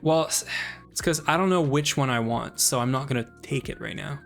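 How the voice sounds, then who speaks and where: A Canadian man talks through his gameplay, planning aloud in a loose, chatty way. His voice has a gravelly edge and sits in a middle pitch. Soft music plays underneath. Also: fairly quick. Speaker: streamer. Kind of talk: casual gaming commentary.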